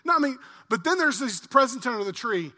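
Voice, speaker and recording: A male pastor preaching a sermon, animated, swinging from loud emphasis to quiet low asides. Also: brisk, in a large hall.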